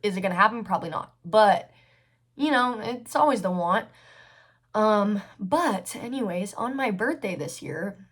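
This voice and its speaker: A woman's voice: medium pitch, lively intonation, a little slow, husky. A woman of twenty hosting a solo podcast, telling a personal story in a chatty, candid way, with lots of fillers and casual swearing. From United States. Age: 20s. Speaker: podcast host.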